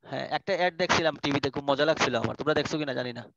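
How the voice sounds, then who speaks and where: Teacher with a Bangladeshi accent on a muffled call. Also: male voice, mid-range voice, very fast, gravelly, a bit bright, no room sound. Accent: Bangladeshi Bengali. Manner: chatty, explaining, mixing in English phrases. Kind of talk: online class lecture. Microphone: video call.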